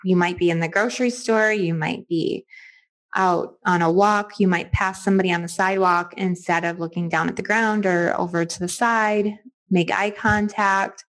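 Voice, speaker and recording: Woman, middle-aged, interviewer, gentle, reflective, some fillers. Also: on the low side, steady tone, moderate pace. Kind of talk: interview conversation.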